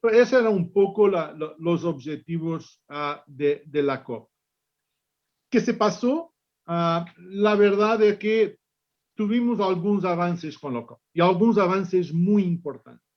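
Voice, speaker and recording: A man's voice: high voice, lo-fi sound. A man who is a native Portuguese speaker gives a conference talk in a Spanish-Portuguese mix with a Portuguese accent, often repeating words as he searches for phrasing. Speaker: conference speaker, business executive. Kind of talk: unscripted conference presentation.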